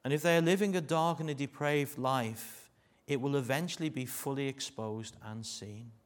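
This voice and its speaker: Preaching in a Liverpool accent, this middle-aged man from Liverpool, England, swings between joking asides and earnest warnings that fade to a hush. His pitch is medium and his speed normal.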